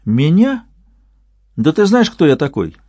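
A man voicing a brash, rowdy young man who bullies and threatens, loud and sing-song. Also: fairly high pitch, very animated, unhurried, husky, no room sound, pitched above the performer's own voice, exaggerated voice. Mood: boastful.

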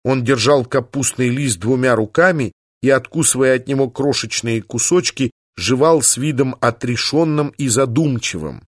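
This is scripted narration from a man reading an audiobook at a measured pace. His voice sits in the middle range, recorded cleanly in a studio without any room sound.

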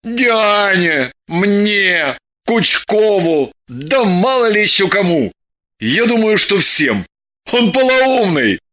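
A man's voice: high voice, big pitch swings, slow pace, bright, forceful tone, full character voice. An actor playing a sardonic, exasperated young man who scolds with theatrical sarcasm in an audiobook. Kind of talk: audiobook dialogue.

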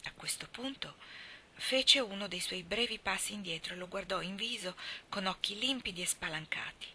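A woman reading literary fiction aloud, her narration soft and hushed, often sinking into near-whispers. Her voice is very bright and crisp. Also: medium pitch, moderate pace, slight background noise. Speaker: reader.

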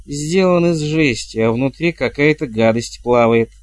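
A man voicing a chatty, bawdy old woman witch in a loud stage whisper. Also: medium pitch, a little slow, dry recording, natural voice. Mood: scornful.

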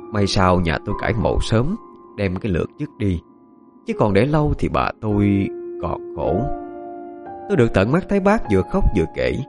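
A man narrating a ghost story in an expressive, dramatic way. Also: lowish voice.

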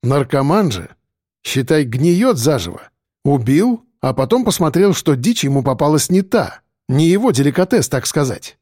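A man's voice: a little high, sing-song, normal speed, a little mellow, dry recording, clean studio sound. A man voicing a nervous, evasive male police chief who talks defensively. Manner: defensive, muttering.

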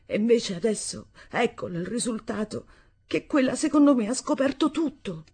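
A timid young woman frets and reproaches in a raised, husky voice, as a woman reader puts her on. Her pleading is anxious rather than angry. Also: on the high side, sing-song, moderate pace, darkish tone, voice pushed up. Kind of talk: literary audiobook reading.

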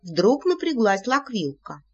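A woman narrating an audiobook in a playful, animated manner. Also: a little high, measured pace, breathy edge. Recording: slightly muffled recording.

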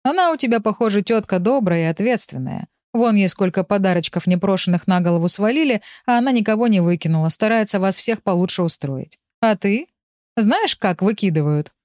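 A woman's voice: medium pitch, animated, brisk, darkish tone, dry recording, clean studio sound, close to an everyday voice. A woman voicing a sensible, grumpy male pet animal who mocks and scolds. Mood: scolding. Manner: mocking, scolding.

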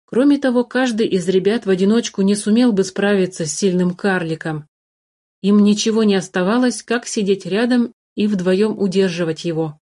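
A woman narrating a children's fantasy story aloud with a lively, expressive reading. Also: mid-range voice, normal speed.

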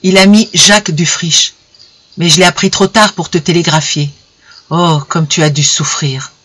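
A reader voicing a young wife in a storybook reading, hurried and faltering as she explains. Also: mid-range voice, steady tone, a bit bright, breathy edge. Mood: moved. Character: young wife, anxious and loving.

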